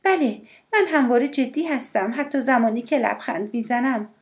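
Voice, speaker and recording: A woman narrator voicing Death as a calm, mysterious woman, cool and softly teasing in an audiobook. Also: fairly high pitch, pitched above the performer's own voice. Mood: calmly assured. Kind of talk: audiobook character voice.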